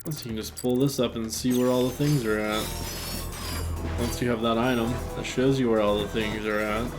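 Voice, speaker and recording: A man's voice: medium pitch, fairly even intonation, normal speed. Offhand man commentating over game music. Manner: offhand, rambling. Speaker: gameplay commentator.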